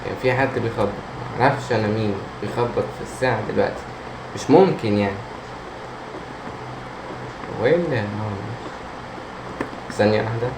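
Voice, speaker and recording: A man's voice: fairly low pitch, brisk, long pauses. A man with an Egyptian Arabic accent giving casual horror game commentary, jumpy, muttering to himself and talking back to the game's characters. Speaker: gamer, let's player. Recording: roomy echo, steady background hum and noise.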